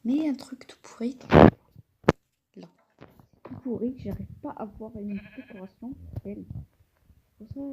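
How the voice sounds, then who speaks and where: A woman giving a casual, hesitant walkthrough of her game build, explaining each step to her viewers. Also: a little high. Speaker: gamer showing a build. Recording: noisy home recording with clicks.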